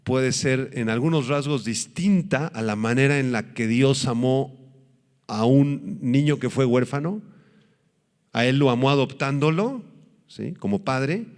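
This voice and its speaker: A man preaching a sermon, his voice sitting at an ordinary middle pitch. He teaches with lively emphasis and stretches words out when he makes a point. The sound carries a long reverb, like a large hall. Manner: animated preaching, acts out quoted voices, slows for emphasis. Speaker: pastor.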